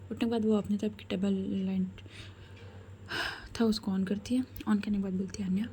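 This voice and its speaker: A woman storyteller narrating a romance in a chatty, soft-spoken way, addressing the listeners. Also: medium pitch, fairly even intonation, normal speed, slight background noise.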